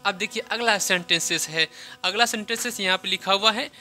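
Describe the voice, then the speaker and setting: Male English tutor with a high, bright voice; drills example sentences slowly and breaks down each word. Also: soft background music. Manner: explains word meanings step by step. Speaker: English teacher. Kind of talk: spoken English lesson.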